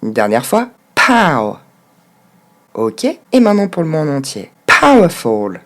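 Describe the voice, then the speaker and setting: A woman gives an English pronunciation lesson. Her voice sits on the low side, but her intonation swings widely. She breaks words into slow, clear syllables for her students. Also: sing-song, mellow. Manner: clear, instructive, models words slowly syllable by syllable.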